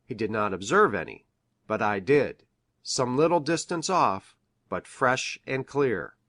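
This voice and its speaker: An educated country doctor in a classic mystery drama. He is grave and earnest, laying out his account formally and precisely, with a middle-pitched voice and measured storytelling. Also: animated, a bit bright. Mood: grave, tense.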